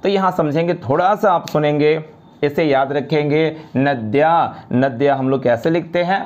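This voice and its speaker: A man teaching a grammar lesson to students, slowly reciting and repeating word forms one by one. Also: on the high side, a little mellow, dull audio. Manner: addresses students directly, repeats each form.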